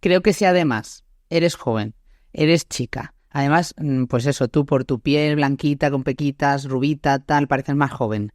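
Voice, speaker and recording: A woman's voice: rumbling low, a little slow, a little mellow, no room sound, studio quality. A woman with an Andalusian accent hosting a podcast interview, thinking aloud in a reflective way. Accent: Andalusian Spanish. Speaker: podcast host. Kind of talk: casual interview chat.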